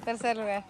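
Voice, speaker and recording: A woman co-hosting children's games at an outdoor event, encouraging and playful with the kids. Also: mid-range voice. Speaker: event co-host. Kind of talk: animated game hosting. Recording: crowd noise outdoors.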